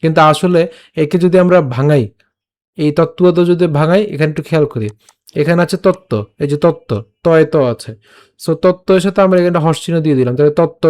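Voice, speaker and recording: রাগী নয়, ধৈর্যশীল বাঙালি পুরুষ শিক্ষক. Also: male voice, on the high side, fast, a little mellow. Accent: Bengali. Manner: explains patiently, breaks words into syllables and repeats them. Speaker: Gita recitation teacher. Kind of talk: online lesson with slow syllable-by-syllable recitation.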